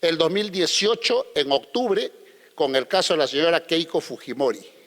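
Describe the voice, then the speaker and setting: A man argues his case at a legal conference, pressing his points through pointed rhetorical questions. His voice sits notably high for a man. The sound rings with the long reverb of a large hall. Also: animated, moderate pace, a bit bright. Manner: combative, with frequent rhetorical questions. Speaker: lawyer speaking at a legal conference. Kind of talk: conference talk.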